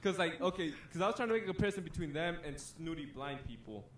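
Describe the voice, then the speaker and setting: A man's voice: a little high, lively intonation, fast, fairly bright tone, slight background noise. A man co-hosting a podcast, chatting casually and joking, laughing into his words. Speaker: podcast co-host. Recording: echoey room.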